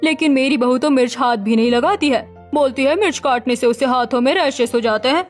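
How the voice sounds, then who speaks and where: A woman's voice: sits high, brisk, soft background music, close to an everyday voice. A woman voicing a gossipy middle-aged woman who complains about her daughter-in-law in a cartoon story. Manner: gossiping, chatty.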